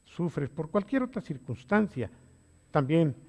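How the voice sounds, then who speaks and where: Animated man preaching in a hall. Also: measured pace. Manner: swings between quiet low phrases and loud emphatic exhortations. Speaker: pastor leading a Bible study. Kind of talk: sermon-style Bible study.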